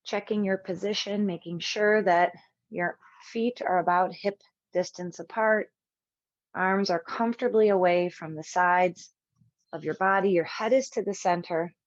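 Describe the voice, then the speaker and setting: A yoga instructor with a fairly low voice guides a meditation, speaking in calm, measured phrases broken by long pauses. Her intonation stays fairly even. The recording is somewhat dull and very dry, with essentially no room sound.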